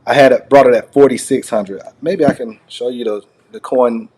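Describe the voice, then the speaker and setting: A man's voice: mid-range voice, fairly even intonation, moderate pace, darkish tone, low-quality recording. A man hosting his own channel, giving casual unscripted commentary in a rambling, conversational way that circles back over his phrases. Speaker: online channel host reacting to a recorded call.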